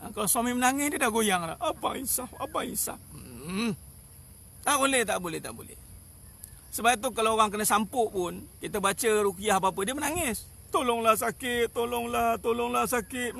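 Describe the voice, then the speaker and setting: Malaysian Malay male preacher, high bright gravelly voice, emphatic live outdoor sermon with faint background noise. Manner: emphatic, repetitive, rhetorical questions. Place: outdoors in the sun.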